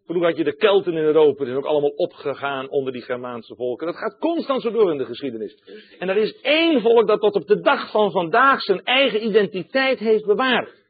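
A man's voice: high-pitched, very animated, a little fast, husky. A male preacher giving a sermon, emphatic, repeating key phrases and addressing his listeners directly, heard over a tinny, phone-like line.

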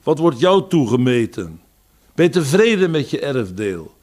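A man preaching a sermon, quoting psalms and scripture, with raised emphasis that falls to quiet phrases. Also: medium pitch, big pitch swings, measured pace.

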